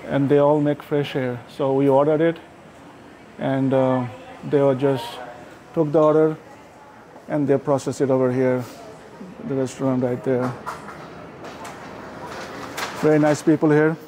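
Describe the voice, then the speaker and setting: A man with a mid-range, dark-toned voice speaks flatly at a moderate pace. He's a travel vlogger filming a casual food vlog on a handheld camera, walking through restaurants and streets, indoors and out, praising the food in simple, friendly words. The handheld audio is noisy.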